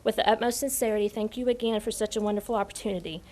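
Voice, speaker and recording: A woman's voice: mid-range voice, fairly even intonation, racing, darkish tone. A woman with a Tennessee accent giving an earnest, formal prepared thank-you speech as a new assistant principal. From Tennessee, United States. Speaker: newly appointed assistant principal.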